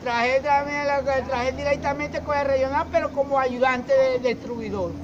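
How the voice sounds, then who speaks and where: A middle-aged man from Zulia with a Venezuelan accent, answering a street interview haltingly and often repeating words. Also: very high voice, fairly even intonation, crowd noise. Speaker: interviewee, former street newspaper seller. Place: outdoor fruit stall on a city street. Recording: muffled, with loud street noise.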